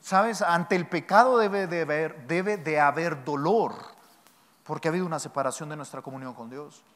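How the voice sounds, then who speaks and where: A pastor delivers a sermon in a high, bright-pitched voice that carries through a large hall with a long reverb. He is animated and playful, teasing his listeners with rhetorical questions between his points. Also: normal speed. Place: church hall.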